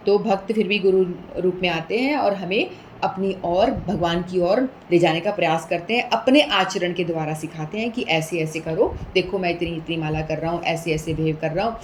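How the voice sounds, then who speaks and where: A woman giving a patient scripture talk, mixing English words in and chanting Sanskrit verses slowly. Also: lowish voice, slight background noise, rough recording. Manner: patient, explanatory, repeats points with everyday examples; mixes English words into Hindi. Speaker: speaker explaining scripture.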